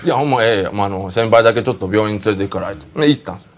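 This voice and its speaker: A man's voice: lowish voice, rapid-fire. A man with a Kansai accent telling a comic story on a talk show. He keeps laughing as he talks and acts out the scenes. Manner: animated, laughing through his own anecdote.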